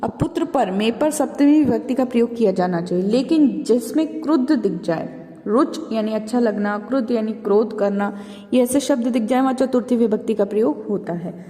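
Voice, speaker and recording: Teacher woman, dark voice, long reverb. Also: fairly high pitch, moderate pace. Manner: explains step by step, asks and answers her own questions; calls listeners children. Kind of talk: exam revision lesson.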